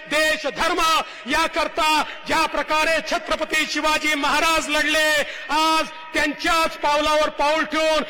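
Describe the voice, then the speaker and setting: A man delivering a political speech at a rally, appealing to the audience for support. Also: very high-pitched.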